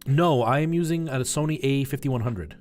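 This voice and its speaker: Music plays as a man streams, speaking at a moderate pace in a medium-pitched, slightly mellow voice. He keeps it casual with his viewers, explaining things conversationally and frequently checking in.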